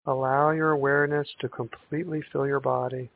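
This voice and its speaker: A man guiding a breathing meditation in a calm, gentle, meditative tone, on a thin band-limited recording. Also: medium pitch, a little fast, gravelly. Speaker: meditation guide. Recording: tinny band-limited audio with hiss.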